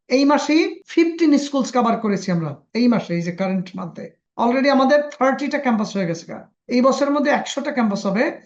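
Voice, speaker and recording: Play a high-voiced Bangladeshi teacher on an echoey call. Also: female voice, a little mellow. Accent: Bangladeshi Bengali. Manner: drills sounds slowly, coaxing and self-assured. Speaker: phonics teacher. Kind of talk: online pronunciation class. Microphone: video call. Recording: echoey, dull lo-fi webinar audio.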